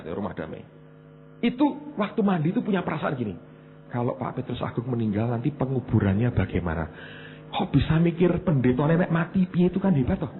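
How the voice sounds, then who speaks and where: Javanese-accented pastor, hushed to loud. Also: male voice, on the high side. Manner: storytelling, switches between hushed asides and loud emphatic bursts. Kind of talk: sermon. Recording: phone-like narrow sound with faint hum.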